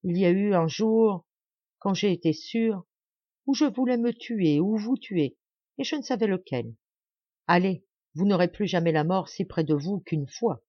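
A woman's voice: medium pitch, expressive, measured pace, warm tone, dry recording, highs cut off. A woman reading the part of a brave, grim young male peasant fighter who pleads solemnly and urgently.

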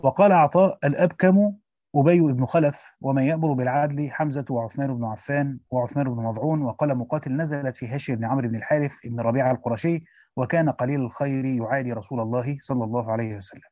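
A man reads a classical commentary aloud quickly, stopping like a teacher to explain it in plain Egyptian Arabic. His voice is mid-range and warm. The recording is dull, dry and lo-fi.

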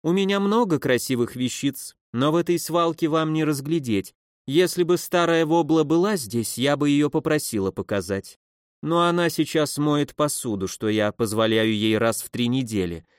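A man voicing a drunken, cruel old woman who scolds and mocks in a loud, theatrical way. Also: a little high, moderate pace, smooth, dry recording, studio quality, natural voice. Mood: sardonic. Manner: sneering, scolding, loudly theatrical.

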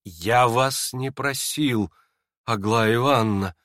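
A man's voice: mid-range voice, takes it slowly, fairly bright tone, no room sound. Man doing a humble young prince, hesitant, apologetic, storybook reading, dry close sound. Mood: flustered. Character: meek earnest young prince, timid and humble.

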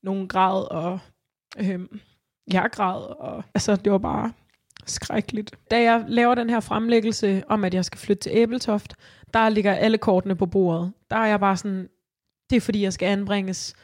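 A woman's voice: medium pitch, steady tone. Earnest young woman recounting her story. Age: young adult. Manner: earnest, halting, frequent fillers and restarts. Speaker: interviewee sharing her own story. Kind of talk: personal testimony in a podcast interview.

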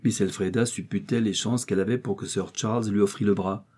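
A man narrating a classic novel in a steady, measured way. His voice is dark and mellow, with a husky grain, and sits at a mid pitch. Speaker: audiobook reader. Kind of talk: scripted storybook narration.

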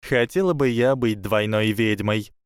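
A man's voice: lowish voice, unhurried, smooth, dry recording, studio quality, lightly acted. A man voicing a dazed schoolgirl witch who speaks politely but firmly.

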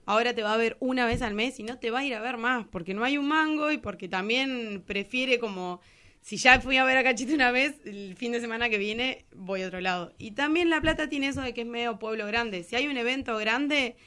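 A musician with a Rioplatense Argentine Spanish accent chats as a guest in a casual radio interview, speaking colloquially and with slang. Her voice is a little high and sharp, and she talks a little fast.

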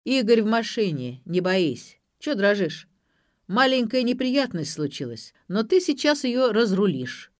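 Woman doing a rough male thug, loud, coarse slang, sneering, dry recording. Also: mid-range voice, very animated, a little slow, dry recording. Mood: bossy. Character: rough crude male thug driver, bossy.

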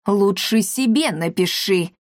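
A woman's voice: mid-range voice, takes it slowly, no room sound, studio quality, close to an everyday voice. A woman voicing a defiant middle-aged male apothecary standing up to his rival.

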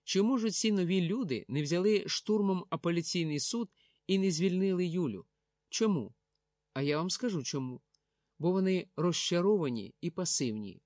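A man's voice: high voice, lively intonation, moderate pace, a little mellow, no room sound, clean studio sound. A man voicing a grumbling, pessimistic old man who lectures and sneers. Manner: gloomy, lecturing, sarcastic.

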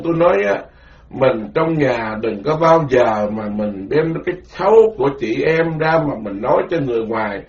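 A man, a Buddhist monk, giving a rambling, animated dharma talk full of stories. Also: on the high side. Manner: rambling, animated storytelling with quoted voices. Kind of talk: informal spoken sermon. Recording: dull lo-fi recording.

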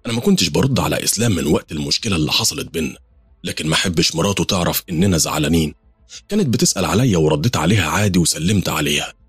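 Husky fast Egyptian storyteller man. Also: deep voice, expressive, dry recording. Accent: Egyptian Arabic. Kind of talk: horror story narration.

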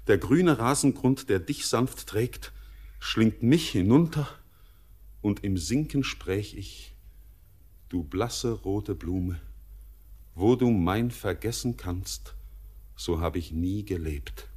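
In a full character voice, a male actor portrays a haunted, yearning young stranger in a classic radio drama, declaiming poetic lines solemnly and intensely. His husky, darkish voice is on the low side, animated, and slow.

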